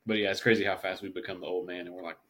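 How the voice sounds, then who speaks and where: A man speaking calmly and without hurry in a casual chat, with a few "uh" and "um" fillers. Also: low-pitched, slightly rough. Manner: calm, unhurried, with "uh" and "um".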